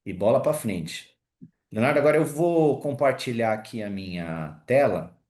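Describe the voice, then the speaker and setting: A man's voice: medium pitch, animated, moderate pace, darkish tone. A man hosting an online lecture over a video call, speaking in an encouraging way with many fillers. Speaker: host of technical webinar. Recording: echoey room.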